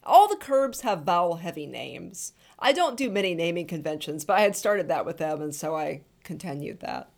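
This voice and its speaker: A woman's voice: lowish voice, big pitch swings, normal speed, gravelly, hardly any pauses, a little mellow. Teasing woman author, laughs often. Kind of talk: casual podcast chat.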